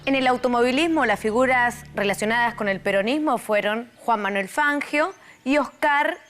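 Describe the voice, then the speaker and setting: A woman's voice: a little high, normal speed, a bit bright. A woman with an Argentine Spanish accent taking part in a scripted educational dialogue in a friendly, conversational way.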